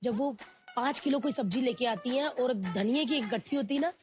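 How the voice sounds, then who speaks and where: Woman, fairly high voice, candid, animated storyteller, soft music underneath. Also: fairly quick. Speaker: guest. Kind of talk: emotional personal storytelling.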